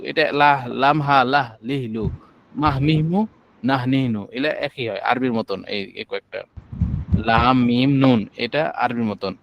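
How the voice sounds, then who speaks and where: A man with a Bangladeshi Bengali accent teaching an online class, drilling syllables slowly and patiently. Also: mid-range voice, a bit bright, slight background noise.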